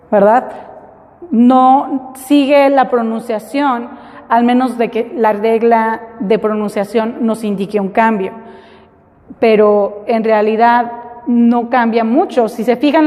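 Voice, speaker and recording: A woman teaching an English class, slowly and patiently, spelling words out letter by letter. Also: a little high, a little mellow, long reverb tail. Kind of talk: classroom lesson.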